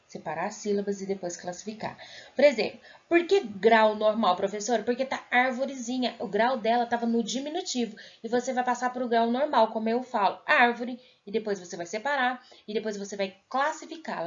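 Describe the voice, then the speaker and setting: A woman schoolteacher with a Brazilian accent, going over homework answers in a recorded lesson and checking in often with her pupils. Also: mid-range voice. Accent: Brazilian Portuguese. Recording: dull lo-fi audio.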